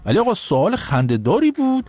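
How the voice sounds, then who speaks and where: High-voiced mocking male commentator. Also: wildly swooping pitch, over music. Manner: mocking, scolding, laughs and sings bits. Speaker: host. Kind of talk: sarcastic political commentary.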